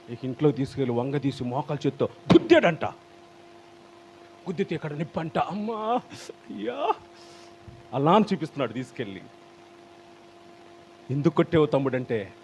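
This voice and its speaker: Man, pastor, Telugu accent, sermon, rather high voice, swinging pitch, faint background hiss. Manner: animated, dramatic, acts out quoted people. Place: church hall, live stream.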